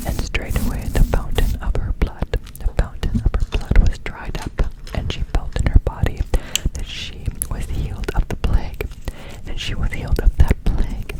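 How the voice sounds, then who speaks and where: An ASMR reader softly reading scripture in a whisper doubled by a second layered whisper track, often repeating phrases. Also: moderate pace. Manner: soft unvoiced whisper, echoing phrases back in repeats.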